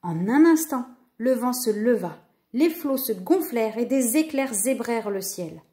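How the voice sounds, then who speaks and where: A woman's voice: a little high, measured pace. Woman reading a children's story aloud. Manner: lively, expressive.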